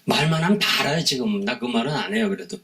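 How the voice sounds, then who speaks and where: Gravelly male pastor telling vivid stories. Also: a little high, fast talker. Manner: animated storytelling, acting out quoted dialogue; calls out to the audience for response. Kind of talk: seminar sermon to pastors.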